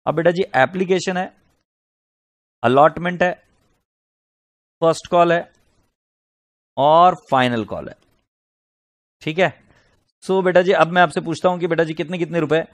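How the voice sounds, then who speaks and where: Man, accounting teacher, fairly high voice, scolding, lecture. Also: unhurried, pauses often. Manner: scolding, exasperated outbursts between problem explanations; addresses students as beta ji. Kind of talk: classroom lecture mixing Hindi and English.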